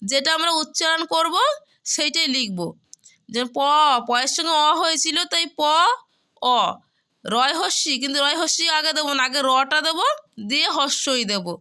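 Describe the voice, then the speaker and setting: A woman with a high, bright voice leads a lesson for young children. She breaks each word into its letters one at a time, slowly and patiently. She keeps stopping to check that the children understand. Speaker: primary school teacher. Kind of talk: spelling and vocabulary lesson for children.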